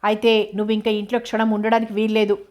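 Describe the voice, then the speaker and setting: Woman reading as a bossy sneering auntie in an audiobook, scolds flat and cold. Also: medium pitch, fast, natural voice. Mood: scornful. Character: harsh scornful middle-aged aunt, domineering.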